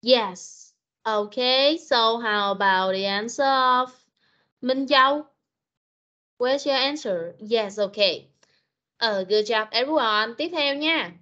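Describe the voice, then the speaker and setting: A woman's voice: fairly high pitch, slow, pushed and bright. A woman with a Vietnamese accent teaching English vocabulary to children in an online class, patiently repeating words to drill pronunciation. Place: online meeting. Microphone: video call. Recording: dull lo-fi meeting recording.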